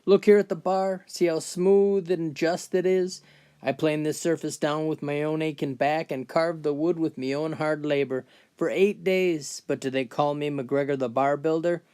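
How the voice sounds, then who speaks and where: A man's voice: on the high side, steady tone, moderate pace, warm tone, clear, resonant tone, pitched above the performer's own voice, lightly acted. A man voicing a boastful old bar owner who complains about his reputation in a proud old-timer's lilt. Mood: proud grumbling.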